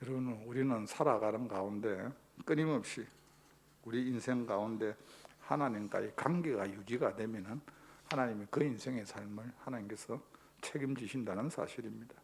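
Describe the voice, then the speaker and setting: A man's voice: lowish voice, moderate pace, slightly rough. A male pastor, preaching a sermon emphatically and posing rhetorical questions to the congregation.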